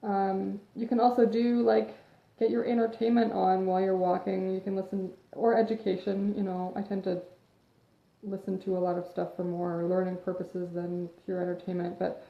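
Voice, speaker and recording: Speaking at normal speed with a flat, creaky delivery, a woman's mid-range voice comes through a phone or webcam livestream. She's a fitness coach chatting casually and giving advice, drifting into tangents and a bit sniffly from allergies. The sound is echoey and dull, with a lo-fi quality.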